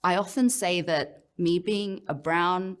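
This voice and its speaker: A woman with an Australian accent giving a reflective, personal motivational talk as a professional speaker, often pausing with "um". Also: fairly low pitch. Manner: reflective, personal storytelling with frequent "um"s.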